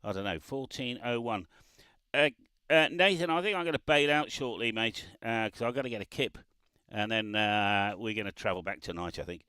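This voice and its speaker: Chatty bright-voiced ham radio man. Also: lowish voice, moderate pace, smooth, dry recording. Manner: chatty, laughs often, reads call signs phonetically. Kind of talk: casual radio chat. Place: parked car by the road, remote radio.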